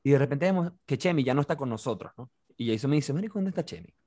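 On a podcast, a young man with a Venezuelan accent rattles off a slangy, casual party story, performing the quoted voices of the people involved. As the host, he speaks in a mid-range, darkish voice, recorded with studio quality and no room sound.

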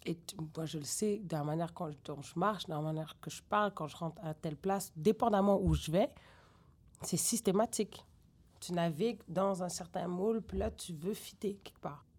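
Woman rapper, raised in Senegal, French accent with Québécois traces, chatty and animated interview guest. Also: fairly low pitch, normal speed, breathy edge. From grew up in Senegal. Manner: animated, digressive, many fillers. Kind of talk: candid interview conversation.

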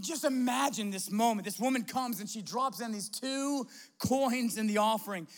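A Midwestern American pastor with a strikingly high voice delivers a sermon to his church. He preaches with passion, often stumbling over restarts and pressing his listeners with rhetorical questions. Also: a bit bright.

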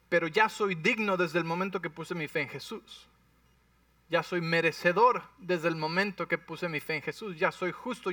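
A man preaching a sermon. His voice sits high and sounds bright and forceful. He talks animatedly and keeps checking in with his listeners. He is picked up from a distance in a dry space. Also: no echo. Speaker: pastor.

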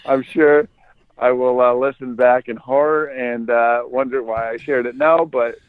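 A relaxed American man recounts a wild story, chuckling between lines. His voice sits at an average pitch. The audio is dry and narrow, like a phone line. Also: unhurried, clean tone, dry recording. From United States. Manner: laid-back, chuckles through his story. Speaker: podcast co-host. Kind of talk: casual storytelling.

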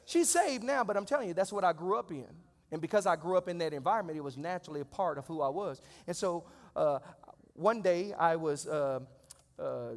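A pastor in his forties preaching a sermon in a church. He talks conversationally and then swells into loud, high-pitched exclamations. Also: fairly quick, big-room sound. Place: church sanctuary.

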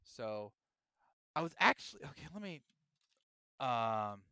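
A man co-hosting a podcast in casual chat, animated and jokey, often slipping into silly impressions. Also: mid-range voice, slow pace, creaky, clean tone, no room sound. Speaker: podcast co-host.

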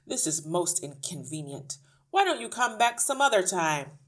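A woman's voice: lowish voice, very animated, moderate pace. A woman voicing a small, irritable, dismissive man in a storybook, barking his words impatiently. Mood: irritated, grudging. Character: small ratty irritable dismissive man, a gruff suburban father. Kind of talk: acted audiobook dialogue.

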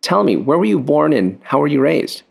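Chatty, excitable evangelist radio host. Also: male voice, fairly high pitch, vocal fry, husky. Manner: enthusiastic, chatty, quick interjections of wow. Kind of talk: radio interview.

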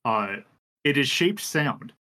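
A man's voice: mid-range voice, expressive, slow, pushed and bright. A man running a tabletop game as game master, narrating with many fillers and restarts.

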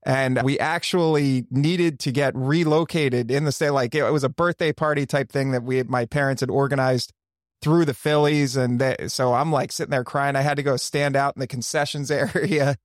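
A man's voice: medium pitch, steady tone, moderate pace, no room sound, studio quality. Self-deprecating podcast panelist man. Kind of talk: casual podcast chat.

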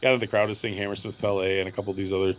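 A middle-aged man with a hoarse voice, co-hosting a podcast and telling a rambling, animated story with lots of repeats. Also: lowish voice, very fast, lo-fi sound. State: hoarse from screaming at a concert. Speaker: podcast co-host. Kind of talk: casual chat.

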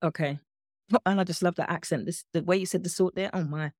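Woman, nutrition coach guest, playful and animated, restarts words, low pitch. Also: fairly quick, dry recording, studio quality. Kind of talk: casual interview chat.

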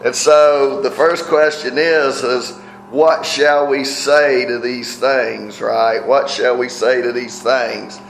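A man's voice: mid-range voice, steady tone, slow pace, gravelly, reverberant, soft background music, rough recording. A man preaching a conversational sermon, asking rhetorical questions and checking in with "right?". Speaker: pastor.

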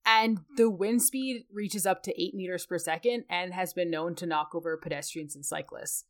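A woman with a Canadian accent, a mechanical engineer who co-hosts a podcast, explains things in a casual, conversational way. Her voice is fairly low and her pace moderate.

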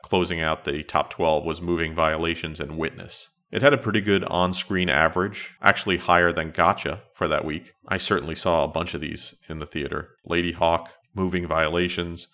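A middle-aged man hosting a solo retro podcast in a measured, conversational, matter-of-fact way. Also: low voice, pushed and bright. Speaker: podcast host.

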